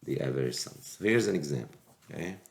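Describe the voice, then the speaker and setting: With an extremely low voice full of vocal fry yet lively intonation, a man with a cold teaches calculus in a recorded lecture. He goes step by step, slowly and haltingly, frequently starting over.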